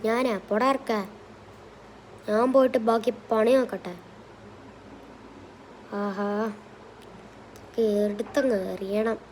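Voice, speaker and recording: A woman's voice: a little high, fairly even intonation, slow, long pauses, darkish tone, slight background noise, rough recording. A woman narrating and voicing a comic gangster game story. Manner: playful, switches between character voices. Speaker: gaming channel narrator voicing characters.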